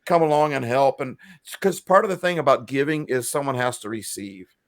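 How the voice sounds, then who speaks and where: A podcast co-host, a man with a mid-range voice, talks fairly quickly over a video call about helping people. He is earnest and emotional and describes himself as a feeler in this casual chat. The sound is clean studio audio with no echo.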